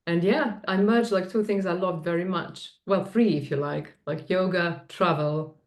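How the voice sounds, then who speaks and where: A woman's voice: fairly low pitch, steady tone, measured pace, reverberant. A woman from Serbia with a Serbian accent, a guest in a casual interview, talking with many fillers and restarts and laughing easily. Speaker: guest, tech manager.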